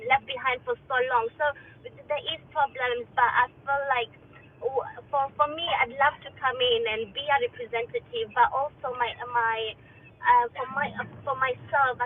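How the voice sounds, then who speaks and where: A woman from Kenya speaking earnestly and hesitantly in a casual discussion, heard through a Bluetooth headset mic that sounds far off. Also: sits high. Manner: earnest, hesitant, with many restarts. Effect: Bluetooth headset mic, heard as if from afar. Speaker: diaspora participant in an online audio discussion. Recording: tinny Bluetooth call line with faint noise.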